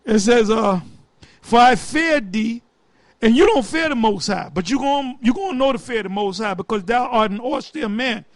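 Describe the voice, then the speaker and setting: A man with a very high voice, preaching in a scornful, fiery way and slowing right down to read old-style verses word by word. The recording is dry and close. His delivery swings between cutting remarks and solemn reading. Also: lively intonation, dry recording. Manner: scornful and fiery, reads verses slowly and deliberately. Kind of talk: heated religious commentary with scripture reading.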